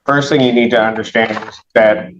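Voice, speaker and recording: A male judge with a somewhat low voice, heard in a muffled courtroom recording with a faint hiss and a few clicks behind him. He speaks in a measured, formal way as he sets dates and reads out plea terms. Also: steady tone.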